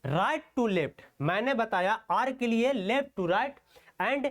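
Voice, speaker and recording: Very high, animated, and fairly bright, a man's voice guides an online shorthand lesson one stroke at a time. He writes as he explains slowly, asking rhetorical questions and checking in with "okay."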